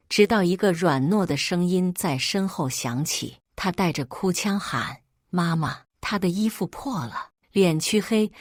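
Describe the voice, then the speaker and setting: A woman reading a first-person family drama aloud in a steady, emotional storytelling manner. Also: on the low side, dry recording, clean studio sound.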